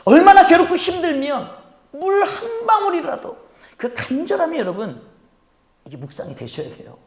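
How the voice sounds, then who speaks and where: A man preaching a Sunday sermon as pastor, swinging from hushed tones to loud calls to the congregation and acting out pleading prayers. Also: very high-pitched, sing-song, normal speed. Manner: acts out pleading voices in quoted prayers. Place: church sanctuary. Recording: echoey church hall.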